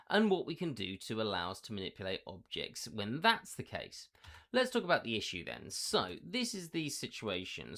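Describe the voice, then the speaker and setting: A man giving a casual, self-deprecating software tutorial, sounding boxed in, as if recorded inside a small echoey box room. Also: medium pitch. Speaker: tutorial host. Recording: boxy echo of a box room.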